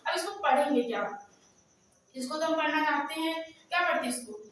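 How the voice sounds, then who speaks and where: Woman math teacher, high voice, far from the mic, strong room echo, faint background noise. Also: a bit bright. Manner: keeps asking questions and answering them herself; slow, drawn-out dictation of formulas. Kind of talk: blackboard math lesson.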